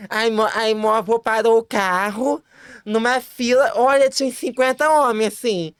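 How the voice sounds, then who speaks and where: A woman guest on a podcast, telling a story in a lively, laughing way, full of quick restarts and high-pitched quoted voices. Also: clean tone, dry recording. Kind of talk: casual storytelling chat.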